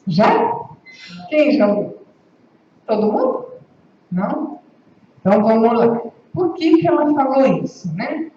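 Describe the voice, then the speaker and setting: A woman gives a university lecture with a mellow, somewhat high voice, often checking in with her listeners. The recording comes from across a very echoey hall. It sounds a little dull, with faint hiss behind her. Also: big pitch swings, takes it slowly, pauses often, distant mic.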